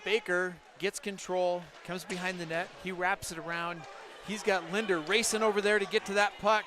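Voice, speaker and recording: A man calling live hockey play-by-play, rapid and excited, often rising to shouts. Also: sits high, a crowd in the background. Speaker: play-by-play commentator. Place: ice rink.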